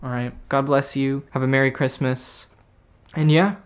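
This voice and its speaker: A young man answering viewer questions in a casual vlog, rambling and animated, saying he is tired by the end. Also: medium pitch, normal speed. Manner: rambling, animated, uses dude and bro. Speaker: YouTuber. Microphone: talking to camera.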